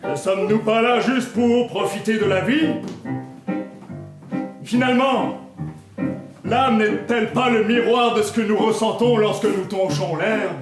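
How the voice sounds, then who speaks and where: A man's voice: high-pitched, a little slow, long pauses. A man playing a dreamy Rastafarian orator in a live improv show, preaching peace in a sing-song put-on accent. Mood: preachy. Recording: echoey room with guitar music.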